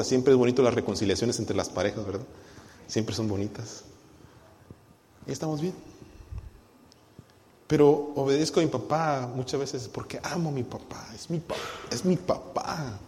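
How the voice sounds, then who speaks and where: Mexican preacher in a reverberant church hall. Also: male voice, mid-range voice, a little mellow, a little hiss or hum. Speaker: pastor. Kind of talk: sermon.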